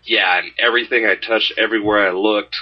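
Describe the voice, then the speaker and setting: Deep husky man chatting casually. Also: steady tone, brisk, highs cut off. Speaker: podcast co-host. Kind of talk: casual chat.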